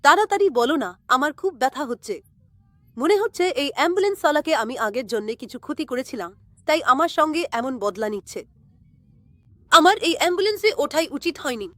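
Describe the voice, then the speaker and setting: A woman's voice: high-pitched, big pitch swings, fast talker, a bit bright, no room sound. A woman voicing a pregnant young woman in labour pain in a doll story, pleading in a strained way.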